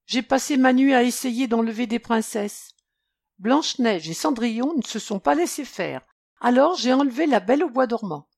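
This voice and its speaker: A woman's voice: a little high, expressive, normal speed, darkish tone, no echo, clean studio sound, voice pushed up. Woman voicing a huge boastful dragon. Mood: matter-of-fact.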